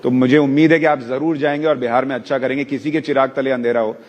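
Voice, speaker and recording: A man's voice: medium pitch, fairly even intonation, quick pace, highs cut off. A man from Bihar hosting an on-stage interview, asking questions in a complimentary way and fond of wordplay. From Bihar, India. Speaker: interviewer, host. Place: stage event before a live audience. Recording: long hall reverb.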